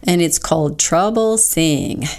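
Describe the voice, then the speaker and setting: A woman's voice: deep voice, takes it slowly, a little mellow. A woman co-hosting a recovery devotional, earnestly explaining scripture and leading prayer in a fervent, heartfelt way. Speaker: co-host of a recovery devotional show.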